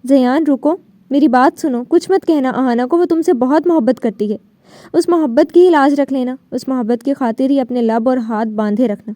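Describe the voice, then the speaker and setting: A woman's voice: high voice, dark tone, no echo, natural voice. A woman reading the part of an older father who begs and pleads, in an audiobook novel. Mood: pleading. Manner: pleading, begging.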